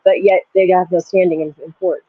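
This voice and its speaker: A man's voice: high-pitched, flat delivery, a little fast, husky, no room sound. A man on a panel, explaining things in casual discussion. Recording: slightly dull, dry audio.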